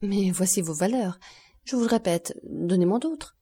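A woman reading an audiobook, voicing a calm, ironic, self-assured male count who speaks in a measured way. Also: medium pitch, breathy edge, natural voice. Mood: ironique. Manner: calm, measured and dryly impertinent.

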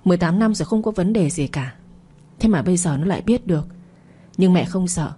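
A woman's voice: on the low side, expressive, brisk, warm tone, slightly rough. A woman narrator voicing a scheming, cruel middle-aged stepmother who talks in a mocking, scornful way in a storytelling audio drama. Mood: calm.

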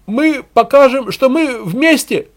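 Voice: sits high, expressive, takes it slowly, a little hiss or hum, pitched above the performer's own voice, heavily acted. A reader voicing a hysterical male village propagandist who whips a crowd into shrieking chants. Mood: shrieking, fanatical.

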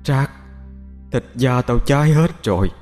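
A man's voice: mid-range voice, expressive, unhurried, darkish tone, soft background music, voice pushed up, lightly acted. A man voicing the vengeful ghost of a burned male servant. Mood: accusing. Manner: accusing, moaning.

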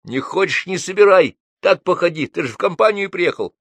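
A man's voice: high-pitched, expressive, brisk, fairly bright tone, dry recording, pitched above the performer's own voice, full character voice. A male reader voicing a bossy, insistent neighbor in a raised, folksy voice for an audiobook. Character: pushy loud middle-aged male neighbor.

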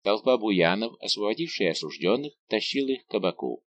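Brief: male narrator, dramatic audiobook reading, lowish pitch, very lively intonation. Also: fairly quick, lo-fi sound. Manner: expressive, vivid storytelling.

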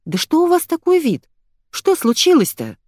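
A woman voicing a bossy, energetic young woman who scolds and gives orders. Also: high-pitched, dry recording, studio quality, pitched above the performer's own voice. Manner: brisk, commanding, scolding.

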